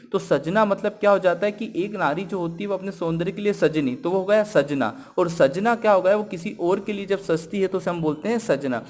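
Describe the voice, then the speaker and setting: A man teaches a grammar lesson in a voice that sits a little high. He explains each point step by step and keeps putting questions to his listeners. He slows right down to read the example verses. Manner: explains step by step and asks the class rhetorical questions; reads example verses slowly and deliberately.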